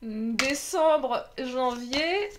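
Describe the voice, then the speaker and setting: A woman's voice: sits high, animated, very slow, background noise. A woman giving a casual tarot reading, chatty, laughing often and joking about herself. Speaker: tarot card reader.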